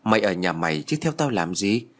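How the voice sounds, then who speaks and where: A man's voice: lowish voice, expressive, brisk. A man voicing a frightened teenage girl who pleads in a trembling voice. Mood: scared.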